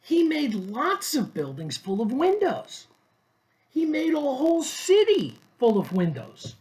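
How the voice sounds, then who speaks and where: A man reading a children's story aloud expressively, pausing between short phrases. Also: very high-pitched, huge pitch swings, darkish tone. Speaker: storybook reader.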